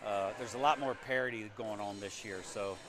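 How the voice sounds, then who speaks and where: A man's voice: on the low side, moderate pace. A man giving hockey color commentary, nervous about the close game and cheering the home team on. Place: ice rink.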